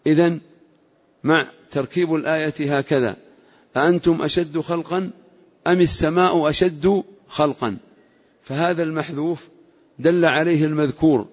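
A man teaching a classroom lesson on Quranic exegesis, explaining carefully and quizzing his students on grammar. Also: on the high side. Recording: lo-fi recording in a reverberant hall.

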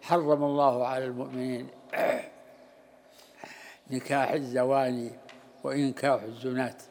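Gravelly man teaching religious text. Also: medium pitch, flat delivery, normal speed, darkish tone, slight background noise. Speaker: Islamic scholar teaching tafsir. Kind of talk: religious lesson explaining verses.

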